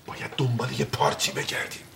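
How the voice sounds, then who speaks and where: An actor playing a vain, easily exasperated husband who fancies himself a TV psychologist in a sitcom. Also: male voice, medium pitch, big pitch swings, creaky, very noisy. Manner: indignant, exasperated, quick to rise. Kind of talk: sitcom acting.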